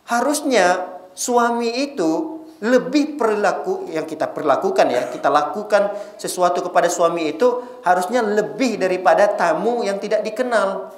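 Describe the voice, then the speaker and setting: A male Islamic preacher giving a casual, lively sermon to a women's audience, often teasing them with rhetorical questions. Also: high-pitched, moderate pace, echoey room.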